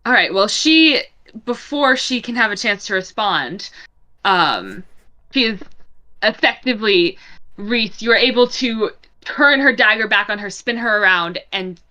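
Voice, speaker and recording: A young woman narrating as dungeon master, describing scenes in a relaxed way with fillers. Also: medium pitch. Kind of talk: narrating a tabletop game.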